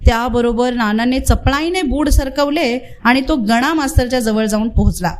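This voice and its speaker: Woman, storyteller, storybook narration, lively expressive reading, fairly high voice. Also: normal speed, a little hiss or hum.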